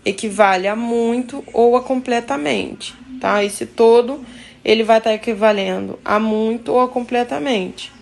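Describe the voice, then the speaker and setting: A Brazilian woman teaching a grammar lesson, her voice sitting a little high. She reads each rule out and then restates it more loosely for her students, tagging sentences with little checks like "tá?". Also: slight background noise, poor audio. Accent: Brazilian Portuguese. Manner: reads rules then explains, frequent "tá?" and "né?" checks.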